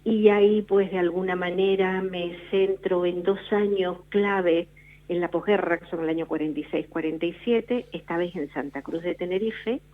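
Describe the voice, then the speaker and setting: A woman's voice: on the low side, steady tone, moderate pace. A middle-aged woman from La Palma, a novelist telling her story in a radio interview, often restarting her sentences. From La Palma, Canary Islands. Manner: reflective storyteller with frequent restarts. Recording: tinny phone line.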